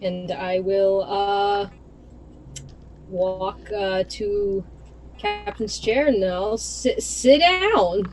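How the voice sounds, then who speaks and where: Slow-talking woman playing the captain. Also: mid-range voice, darkish tone, faint music behind, rough recording. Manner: slow and hesitant, many fillers. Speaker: player as the captain. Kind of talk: tabletop role-play.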